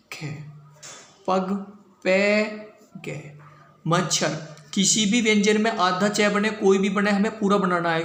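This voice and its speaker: Man, high voice, slow careful lesson, echoey room, faint background hum. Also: fairly bright tone. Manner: slow, calls students "bhaiya" and "bhai". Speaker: shorthand teacher. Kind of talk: step-by-step lesson, reciting syllables.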